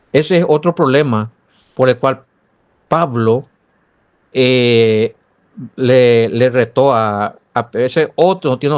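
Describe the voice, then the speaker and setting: Answering comments from listeners, a Paraguayan pastor speaking with a Paraguayan Spanish accent delivers a Bible commentary packed with animated rhetorical questions directed at his audience. He has a mid-range voice, with the high frequencies cut off.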